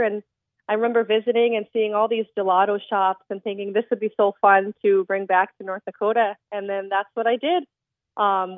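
A woman's voice: medium pitch, dry recording. A young woman from the Netherlands speaks over a tinny phone line, friendly and explanatory with frequent ums. The sound is dry and narrow, as if on a telephone. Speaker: creamery owner, phone guest. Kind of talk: radio phone interview.

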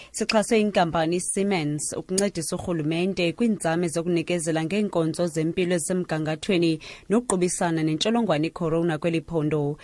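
A woman presents scripted radio news in a South African Xhosa accent. Her delivery is quick and her pitch sits a little low. The sound is close and dry, with very little room to it. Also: darkish tone, no room sound.

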